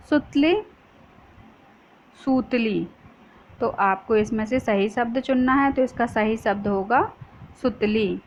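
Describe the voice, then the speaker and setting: Slow patient woman teaching young kids. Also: fairly high pitch. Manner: slow and patient, often asks questions and answers them herself. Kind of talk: explaining a textbook lesson to young pupils. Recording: dull lo-fi sound with faint noise.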